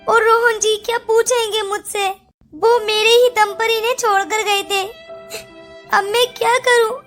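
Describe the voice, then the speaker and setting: A woman's voice: very high-pitched, fairly bright tone. Woman voicing a tearful scheming sister-in-law. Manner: tearful, anxious self-talk. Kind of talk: Hindi cartoon story dub.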